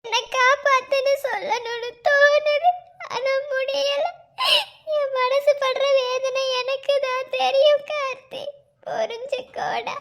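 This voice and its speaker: A woman's voice: very high voice, fairly even intonation, slow pace, a bit bright, exaggerated voice. A woman voicing a young college woman in a cartoon love story, sobbing and pleading as she pushes her lover away.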